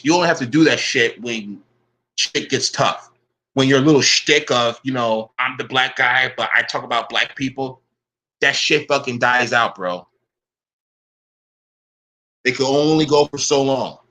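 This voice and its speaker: Forceful and bright at a normal speed, a medium-pitched male commentator delivers an angry vlog rant, profane and combative, repeatedly calling his rivals "bro." He insists he uses the same voice with everyone.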